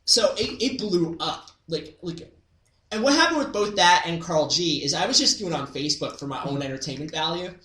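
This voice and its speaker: A man's voice: fairly high pitch, animated, brisk, bright, forceful tone, a little hiss or hum. A man, a comedian guest, rambling in casual interview chat with lots of filler words. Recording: roomy echo.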